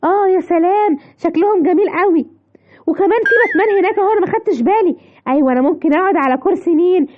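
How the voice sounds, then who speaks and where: A woman with an Egyptian accent voicing an excitable mother lioness who keeps exclaiming, in a children's story. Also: very high-pitched, rapid-fire, narrow, tinny audio. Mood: excited. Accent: Egyptian Arabic.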